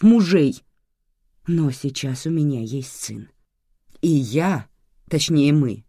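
The reader voices a young woman who resentfully lays down firm boundaries with her mother, sounding reproachful, with a pitch that swings lively. The audio is close and dry, without any room sound.

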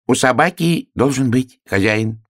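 A man's voice: lively intonation, a little slow, no echo, clean studio sound. A man voicing a tiny boastful frog who pretends to be a dog, talking eagerly. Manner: squeaky, eager, fibbing with confidence.

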